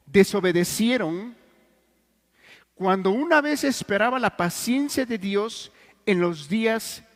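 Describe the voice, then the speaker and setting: A man preaching a sermon in Mexican Spanish, telling stories earnestly and swinging between loud and hushed. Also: sits high. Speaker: pastor. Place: church hall. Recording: long church reverb.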